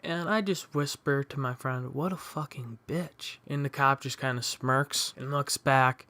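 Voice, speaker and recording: A young man tells a personal story in a sardonic, offhand way, with frequent swearing. His voice is bright and crisp. It is recorded close and dry, with no room sound. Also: medium pitch, unhurried, no echo. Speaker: storytime vlogger. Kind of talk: casual storytime narration.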